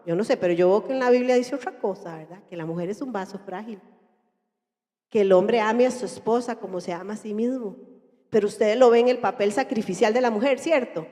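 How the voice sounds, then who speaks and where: A woman with a Costa Rican accent speaking to a group, lively and questioning her listeners. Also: mid-range voice, brisk. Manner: lively, asks the audience questions and acts out everyday voices. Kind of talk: talk to a church group. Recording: echoey hall.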